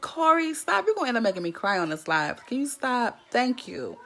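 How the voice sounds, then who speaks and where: A woman's voice: a little high, big pitch swings, fairly quick, vocal fry, sharp tone. Woman hosting a casual live chat, talks right to viewers and greets commenters. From Jackson, Mississippi. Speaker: livestream host.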